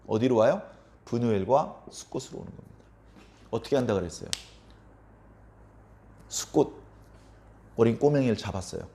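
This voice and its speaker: Lively storytelling male pastor. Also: mid-range voice. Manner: animated storytelling, asking the congregation questions. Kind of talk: sermon.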